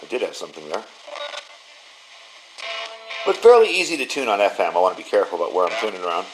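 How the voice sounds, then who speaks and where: Recorded in his garage studio with faint music behind and poor audio, a man gives an informal, hands-on product review. He sounds low-pitched, very animated and quick, speaking in a plain, conversational manner.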